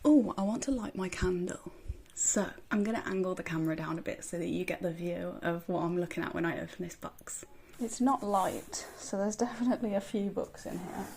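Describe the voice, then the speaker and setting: A woman chatting excitedly about books as she unboxes them, her voice recorded on a phone voice recorder app. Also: on the low side, brisk, music in the background. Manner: excitable, gushing. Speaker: book vlogger. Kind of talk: casual unboxing chat. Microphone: phone voice recorder used as microphone.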